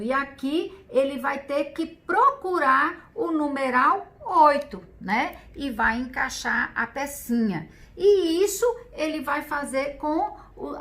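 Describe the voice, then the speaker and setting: High-voiced teacher explaining to parents. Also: female voice, fairly bright tone. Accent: Brazilian Portuguese. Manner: patient, explanatory, frequent "né?" tag questions; counts slowly and stretches words when demonstrating. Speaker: special education teacher. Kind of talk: instructional video for parents.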